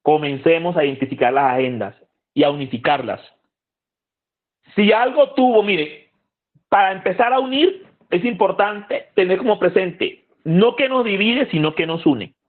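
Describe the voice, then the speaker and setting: A man's voice: high voice, normal speed. Man lecturing over tinny phone-like audio. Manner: conversational, asks the audience questions; repeats phrases for emphasis. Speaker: lecturer on youth movements. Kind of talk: lecture to a youth group.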